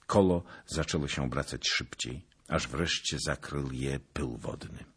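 Male audiobook narrator, dramatic measured reading, extremely deep, slow. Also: fairly bright tone, breathy edge. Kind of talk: scripted narration of a classic novel.

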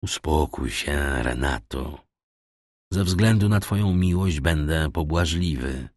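A man voicing a courteous, self-assured young royal prosecutor in an audiobook, polite and measured. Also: a bass voice, dry recording, clean studio sound.

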